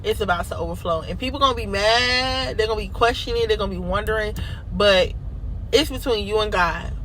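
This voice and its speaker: A woman's voice: medium pitch, fairly quick, a bit bright, a little hiss or hum, rough recording. An American woman vlogger speaking with braces, giving earnest, emphatic, casual faith encouragement and repeating phrases for emphasis. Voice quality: speech slightly impeded by dental braces.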